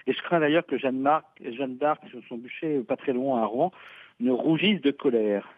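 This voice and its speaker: A man's voice: medium pitch, moderate pace, no echo. A man with a northern French and Parisian accent, giving an enthusiastic, chatty live report for the radio by phone from a street festival, with many fillers and restarts. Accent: northern French mixed with Parisian. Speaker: culture reporter. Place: outdoors at a street festival, stepped aside from the crowd. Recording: dry tinny phone line.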